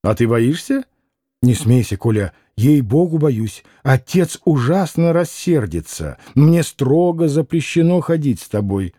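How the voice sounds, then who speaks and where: A man's voice: medium pitch, sing-song, unhurried, warm tone, no echo, clean studio sound. A man voicing a timid, anxious schoolboy in an audiobook. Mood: worried. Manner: worried, hesitant.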